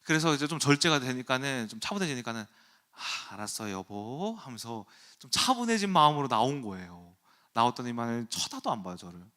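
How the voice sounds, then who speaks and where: A man's voice: mid-range voice, sing-song, fast talker, pushed and bright. A man in his thirties, a pastor, telling a self-deprecating story in an early-morning sermon.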